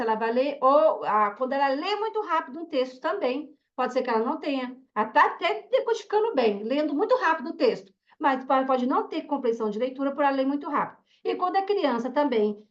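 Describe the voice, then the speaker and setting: A woman with a high voice and a Brazilian Portuguese accent teaches an online course, explaining things step by step. She checks in with students through short questions, often saying "tá?" and "né?", and the audio is lo-fi.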